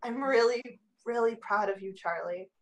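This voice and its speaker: A woman's voice: on the high side, normal speed, lo-fi sound, close to an everyday voice. A woman reading the part of a restless, earnest young woman at a script read-through. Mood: affectionate.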